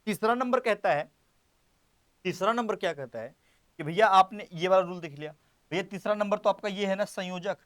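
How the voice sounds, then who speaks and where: A man teaches a classroom grammar lesson in a high, light voice. He repeats words slowly while he writes on the board. He jokes with his students and speaks to them directly. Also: fairly bright tone. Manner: playful, addresses students directly.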